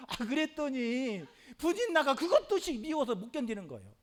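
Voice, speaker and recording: A middle-aged male pastor preaching a sermon in an animated way, with frequent hallelujahs and rhetorical questions to the congregation. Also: extremely high pitch, normal speed.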